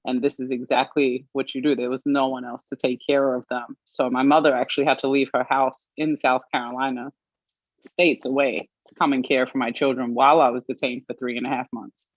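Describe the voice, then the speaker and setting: Woman from australia telling her story, earnest and measured, lots of ums, dry slightly dull stream sound. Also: a bass voice, flat delivery, no room sound. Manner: earnest, measured, with frequent pauses and fillers. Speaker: interview guest. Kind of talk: personal account in an interview.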